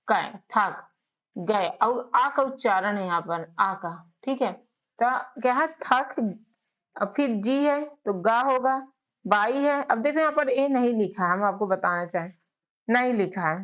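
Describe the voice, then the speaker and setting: A woman teaching English spelling to beginners, drilling sounds letter by letter and often asking and answering her own questions. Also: fairly high pitch. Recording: dull lo-fi audio.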